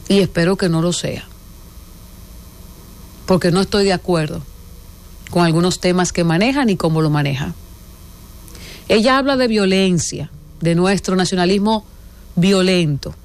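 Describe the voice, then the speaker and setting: With a lowish, darkish voice and a Dominican Spanish accent, a woman from the Dominican Republic airs her political opinions in an outraged monologue. She leans on every point deliberately.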